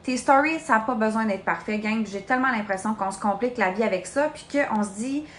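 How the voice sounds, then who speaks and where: A woman's voice: on the high side, a little fast. Woman, late twenties, Québécois accent, direct chatty coach, echoey room, faint hiss. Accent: Québécois French. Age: late 20s. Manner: chatty, direct, addresses listener as "tu". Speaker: sales team coach. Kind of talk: live social media training.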